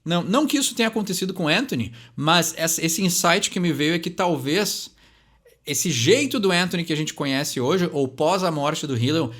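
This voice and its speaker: Chatty young Brazilian man, higher voice. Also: expressive, a bit bright. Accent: Brazilian Portuguese. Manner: chatty, fills pauses with "né?", reads English lines slowly. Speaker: channel host explaining song lyrics. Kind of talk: casual lyric breakdown.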